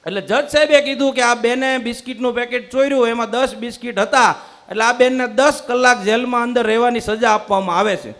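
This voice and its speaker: Brief: man, stand-up storyteller, very high voice, punchy delivery. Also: fairly bright tone. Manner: rapid joke-telling with quoted dialogue. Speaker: comedian.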